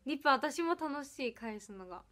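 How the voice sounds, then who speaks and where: A young woman with an Ehime Iyo-dialect accent mixed with Kansai, chatting casually on a birthday livestream and reading out viewer comments, giggling often, with lines that trail off softly, at home. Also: sits high, lively intonation, fairly quick. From Ehime, Japan.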